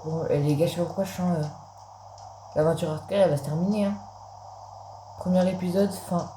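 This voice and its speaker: A man's voice: high-pitched, brisk, mellow. A man giving casual gameplay commentary, chatting straight to his viewers as a gaming video creator. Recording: roomy echo, faint background noise.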